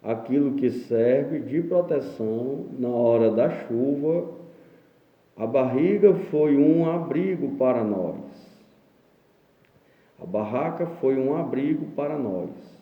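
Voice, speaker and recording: Slow, patient Brazilian male teacher. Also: medium pitch, animated. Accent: Brazilian Portuguese. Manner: slow, explanatory, reads entries aloud with frequent "né?". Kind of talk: online class lesson. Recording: echoey room, dull lo-fi sound.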